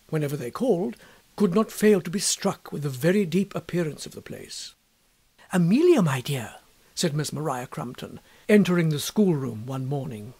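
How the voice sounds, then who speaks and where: A man reading a classic story aloud in a wry, measured narrating style. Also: fairly high pitch, a little mellow. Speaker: audiobook reader.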